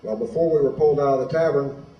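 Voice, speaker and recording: A man from Illinois, USA, speaks as a guest in a high school hall, telling his own story in plain, direct words as personal testimony. His mid-range voice moves at a quick pace. The audio is dull, with echo and his voice coming from far off.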